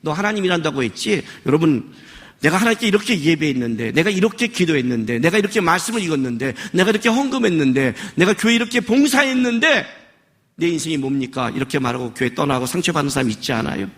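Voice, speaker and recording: Impassioned pastor with a lively voice. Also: male voice, fairly high pitch, fast. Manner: impassioned, scolding rhetorical questions. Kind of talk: sermon. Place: worship service.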